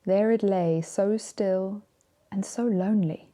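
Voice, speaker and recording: A drag storytime host reading to children in a gentle, theatrical, deliberate storytelling manner. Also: medium pitch, steady tone.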